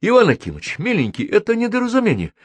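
A man's voice: sits high, huge pitch swings, quick pace, no room sound, pitched above the performer's own voice, heavily acted. A man reading a story aloud and voicing an anxious, indignant woman professor in a raised voice. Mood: pleading. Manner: anxious, pleading, then indignant shouting. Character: flustered middle-aged woman professor.

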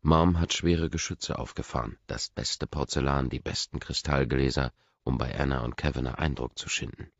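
Very deep, gravelly male audiobook narrator. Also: fairly even intonation, moderate pace, no echo. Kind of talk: first-person audiobook narration. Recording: dry, dull lo-fi recording.

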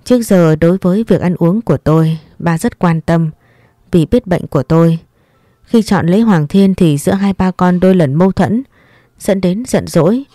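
A woman narrating a first-person story in a calm, sorrowful reading voice. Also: fairly low pitch, moderate pace, no echo, clean studio sound.

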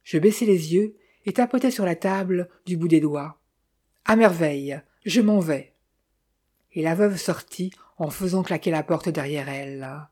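A woman narrating a novel in an even, measured reading. Her voice is low and mellow, with a soft husky grain. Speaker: audiobook narrator. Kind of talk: scripted narration.

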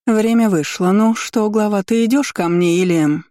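A man's voice: high-pitched, moderate pace, a little mellow, no room sound, studio quality, pitched above the performer's own voice, lightly acted. A man voicing a cruel, mocking empress in a read-aloud novel, with a taunting, gloating, sing-song delivery. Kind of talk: audiobook character voice.

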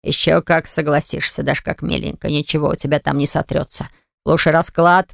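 A reader doing a smug brute of a man, low and slow, each word drawn out with menace, a gravelly edge on the voice. The audiobook sound is dry and close. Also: level tone, fairly bright tone, no echo. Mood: menacing. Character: menacing crude male thug, smug and threatening.

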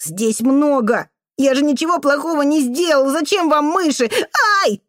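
A woman's voice: lively intonation, slow, a little mellow, no room sound, studio quality. A woman voicing a frightened boy of about nine who whimpers and pleads in tears. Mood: crying, pleading. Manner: sobbing, shrill pleading.

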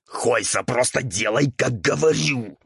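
A man's voice: mid-range voice, a little slow, creaky, a bit bright, slightly rough, no room sound, studio quality, pitched above the performer's own voice, heavily acted. A man voicing a fussy, irritable male ghoul cook who hisses and scolds in a strained, altered timbre. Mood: scolding. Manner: scolding, bossy.

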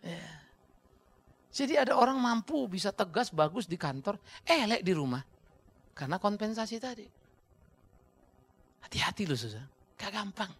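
A middle-aged male pastor, preaching a sermon in an animated storytelling manner with slangy asides. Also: high-pitched, moderate pace, pauses often, breathy edge.

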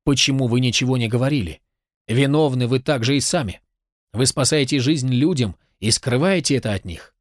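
A man's voice: mid-range voice, normal speed, no echo, studio quality, close to an everyday voice. A man reading the lines of an impassioned, grateful young man in a storybook, fervent and insistent.

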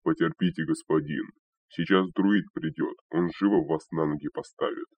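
A man's voice: low-pitched, sing-song, normal speed, slightly rough, no room sound, exaggerated voice. A man voicing an eager, anxious male servant who pleads and placates, in a dull, dry recording. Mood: soothing. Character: anxious, eager male servant, fussing over his master.

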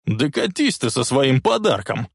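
A man voicing a brash young bully who talks in a loud, mocking way. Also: mid-range voice, very animated, unhurried, vocal fry, breathy edge, dry recording, clean studio sound, full character voice.

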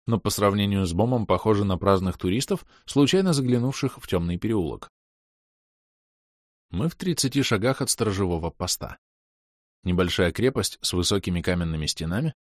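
A man reading a fantasy novel aloud in a wry, lively storytelling manner. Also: low voice, no echo, studio quality. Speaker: audiobook narrator. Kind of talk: scripted narration.

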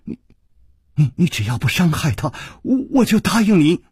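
Man playing anxious young woman, stammering, pleading, high voice. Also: big pitch swings, racing, dark tone, husky, no echo, studio quality, full character voice.

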